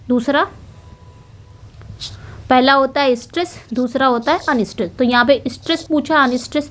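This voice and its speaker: A woman with a high voice teaches an exam-preparation lesson. She explains each answer patiently in Hindi, often repeating herself and correcting slips. She slows right down to read the English questions aloud.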